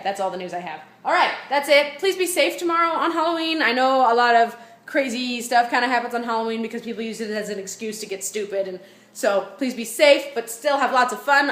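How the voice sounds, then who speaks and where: A young woman chatting quickly in a casual, unedited vlog from her home, babbling with lots of fillers. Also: on the high side, a bit bright. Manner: fast babbling, many fillers. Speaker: vlogger. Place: at home, indoors. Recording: echoey room.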